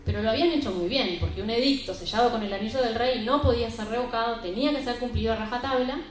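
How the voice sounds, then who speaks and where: A woman's voice: a little high, fast. A woman preaching a sermon and retelling a Bible story in an emphatic, conversational way. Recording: very echoey room with faint music.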